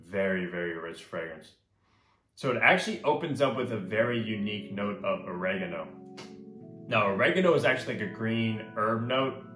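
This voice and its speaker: A man's voice: on the low side, fairly bright tone. A man casually reviewing a fragrance with enthusiasm, often stressing words by repeating "very, very". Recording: echoey room with faint guitar music. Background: faint guitar music.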